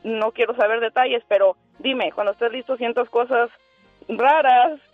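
A woman's voice: fairly high pitch, steady tone, normal speed, no room sound, soft background music. A woman in her forties calling in by phone, nervous and giggly, telling a story in a rambling way with many restarts. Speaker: caller. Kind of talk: phone-in call, chatty storytelling. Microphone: telephone. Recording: tinny phone line.

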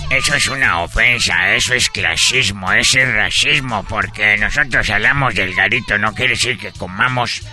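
A man's voice: lowish voice, normal speed, few pauses, sharp tone, faint music behind. A man doing a comedy bit, telling jokes and short stories in a joking manner. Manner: joking, storytelling, mock broken phrasing. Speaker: comedian playing a Chinese immigrant character in Mexico.

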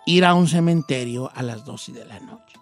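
A man, hosting a radio show and telling an old joke with lively shouted voices. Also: mid-range voice, normal speed, gravelly, soft background music. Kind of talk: joking radio banter and storytelling.

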